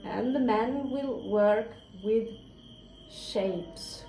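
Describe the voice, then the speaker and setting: Speaking extremely slowly, a woman with a warm, somewhat high voice does a casual tarot reading. She's frank and talkative, curses openly, and drops into whispers for asides. The recording has a roomy echo, with faint music and crickets in the background.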